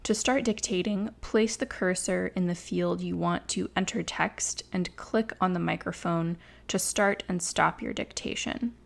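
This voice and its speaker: A woman reading a scripted software tutorial in a measured, instructional way. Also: fairly low pitch, vocal fry. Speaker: tutorial narrator.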